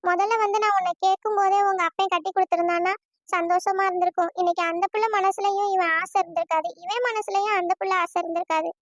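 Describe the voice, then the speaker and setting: A woman voicing a calm, remorseful middle-aged aunt in a cartoon, explaining slowly and with regret. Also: very high-pitched, dull audio. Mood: regretful. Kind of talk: cartoon voice acting.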